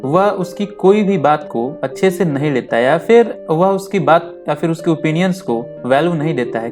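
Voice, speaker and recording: A man hosting a film explainer channel, narrating a movie recap in a steady voice-over and mixing in English terms. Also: a little high.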